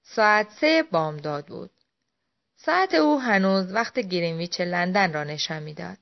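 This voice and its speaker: A woman narrates a classic adventure story in a clear, expressive storytelling voice. Her pitch moves lively through each sentence, and the recording has a muffled, lo-fi quality. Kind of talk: audiobook narration. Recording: dull lo-fi audio.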